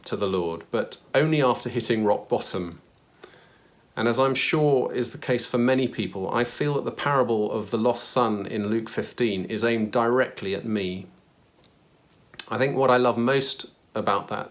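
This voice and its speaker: A man from Kenya giving an earnest, reflective personal faith testimony to his church. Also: fairly low pitch.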